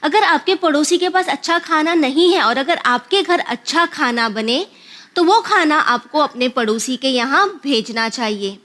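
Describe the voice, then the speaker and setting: A woman with a very high voice tells children a moral story. She speaks to them directly and warmly, pausing to explain words in simpler terms. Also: expressive.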